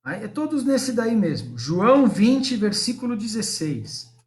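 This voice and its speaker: High-voiced pastor preaching. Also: male voice, sing-song, measured pace. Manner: preaching, addresses viewers and congregation directly. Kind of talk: live-streamed sermon.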